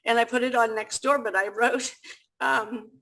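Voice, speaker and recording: A woman talks through how she started a community food pantry, in a chatty, animated way. She slips into little acted-out quotes of what people said. It sounds like a video call. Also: fairly high pitch, a little slow, rough recording. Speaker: food pantry founder, guest. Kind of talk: casual interview storytelling.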